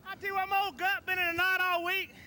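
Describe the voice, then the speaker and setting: A man's voice: very high voice, little pitch movement, fast, bright, forceful tone, slight background noise. A man with a Southern US accent, a race driver out of breath, rambling folksy thanks after a win. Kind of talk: victory interview. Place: outdoor racetrack.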